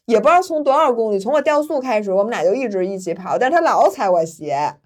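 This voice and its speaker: A woman podcast host, telling a story in lively casual chat and laughing often. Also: on the high side, fast.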